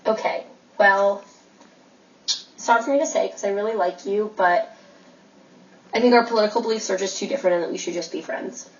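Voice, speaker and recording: A woman's voice: medium pitch, a little fast, long pauses, natural voice. Hannah, a woman playing a rambling young writer. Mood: lecturing. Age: young adult. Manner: rambling, hedging with "like" and "kind of". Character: earnest self-absorbed young woman writer. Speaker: aspiring writer girlfriend. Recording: distant, dull TV soundtrack.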